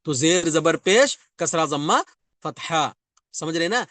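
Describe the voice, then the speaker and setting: A man with a fairly high voice lectures on grammar, explaining step by step. He repeats each term and keeps checking that his students follow. The sound is dry and close, with no room echo. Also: expressive, fairly bright tone. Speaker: Arabic grammar teacher. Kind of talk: classroom lecture.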